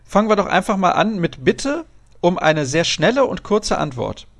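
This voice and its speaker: A man hosts a casual radio interview, chatting and putting questions to his guest. His voice sits a little high for a man and is recorded dry and close to free of room sound. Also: very animated, normal speed, fairly bright tone, no room sound. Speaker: radio show host.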